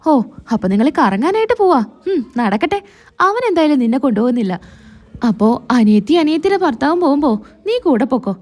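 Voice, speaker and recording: A needling, sarcastic mother-in-law, read by a woman, high and mellow voice. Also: big pitch swings, fairly quick. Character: sneering mother-in-law, middle-aged woman.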